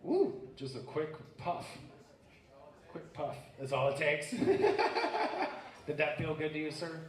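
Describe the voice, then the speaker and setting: A man's voice: mid-range voice, a bit bright. A man performing a live comedic magic act on stage, joking bawdily with audience volunteers. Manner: bawdy, joking crowd banter. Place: live music venue stage. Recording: roomy venue sound from far off. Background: audience laughter.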